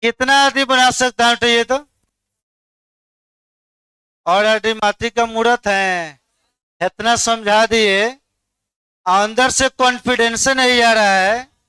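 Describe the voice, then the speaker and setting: A man's voice: very high voice, slow pace, pauses often, bright, forceful tone, clean tone, dry recording. A man teaching a chemistry class, coaxing students and quizzing them by name. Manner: coaxing, repeats "dekhiye" to hold attention, quizzes students. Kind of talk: classroom lecture.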